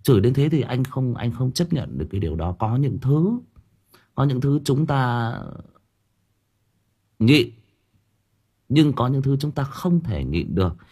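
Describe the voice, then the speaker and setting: A man's voice: mid-range voice, very animated, a little slow, pauses often, mellow, slightly rough. A man chatting casually with his audience on a livestream, rambling with frequent hesitations and repeated words. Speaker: audiobook reader chatting with listeners on a livestream.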